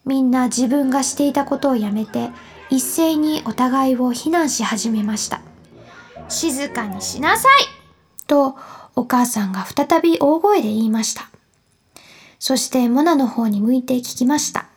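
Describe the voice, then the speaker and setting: A woman narrating a children's story in a calm, even manner. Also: sits high, normal speed, soft background music.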